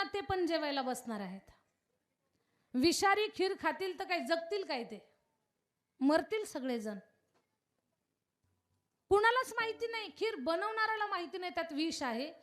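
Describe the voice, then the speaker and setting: A woman preaching a devotional kirtan sermon, telling a story and putting questions straight to her audience in an animated way. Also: extremely high pitch, moderate pace, long pauses.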